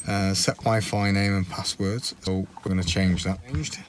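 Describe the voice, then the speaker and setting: A man with a low voice talks casually through a practical demonstration. He is recorded inside a motorhome, with faint noise and clicks behind him. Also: normal speed. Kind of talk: casual chat, hands-on demonstration.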